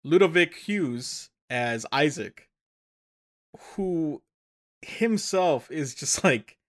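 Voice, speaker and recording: Speaking extremely slowly, a man with a fairly high, expressive voice recaps a film on a podcast he co-hosts. The chat is casual, and he rambles, corrects himself, and laughs a lot.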